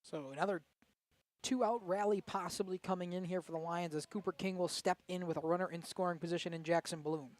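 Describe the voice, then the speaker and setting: Playful baseball color man, higher voice. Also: steady tone, brisk, no echo. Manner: playful, jokey, boastful in banter. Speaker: color commentator.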